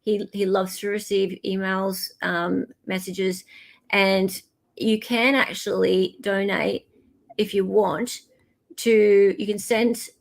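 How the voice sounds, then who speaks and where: An Australian woman hosts a livestream, chatting informally and gushing whenever she thanks people. Her medium-pitched voice stays level and slow, with some vocal fry.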